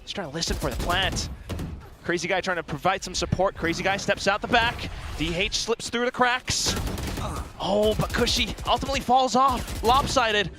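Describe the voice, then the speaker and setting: A man giving live play-by-play as an esports caster, excitable and dramatic. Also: high-pitched, normal speed, music in the background.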